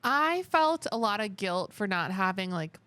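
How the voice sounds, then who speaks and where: A woman's voice: medium pitch, sing-song, measured pace, bright, forceful tone, smooth, no room sound. A young adult woman co-hosting a podcast in casual chat, wry and steering the topics with questions. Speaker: podcast co-host.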